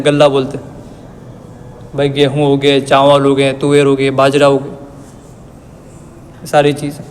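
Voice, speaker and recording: A man giving a religious lesson, reciting verses slowly and then explaining them in plain everyday words. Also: on the high side, darkish tone, slight background noise. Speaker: Quran teacher. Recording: long reverb.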